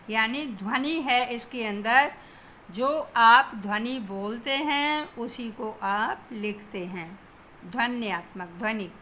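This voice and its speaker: Woman teacher reading out a lesson real slow, high bright voice, bit of hiss behind. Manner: slow, deliberate dictation, stressing each word. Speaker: school teacher. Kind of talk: classroom Hindi lesson.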